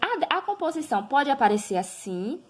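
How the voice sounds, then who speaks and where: A woman, a primary school teacher recording a review lesson for children, talking slowly and patiently, drawing out example words and often checking in with her listeners. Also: high-pitched, very animated.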